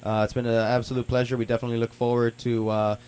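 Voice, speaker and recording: A man's voice: mid-range voice, fast, smooth. A man hosting a radio talk show, chatting casually and upbeat with lots of fillers. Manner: relaxed, filler-heavy, upbeat.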